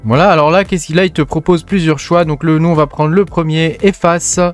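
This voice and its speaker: A man's voice: on the high side, fairly even intonation, brisk, soft background music. A man from France hosting a casual tech tutorial, talking informally to the viewer with many fillers and tags like "hein". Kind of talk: casual screen-recorded tutorial.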